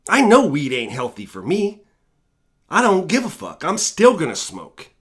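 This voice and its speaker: A man ranting on a live stream about cannabis laws, swearing constantly, and high while he talks. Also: wildly swooping pitch, measured pace. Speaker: cannabis vlogger. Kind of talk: profane live stream rant.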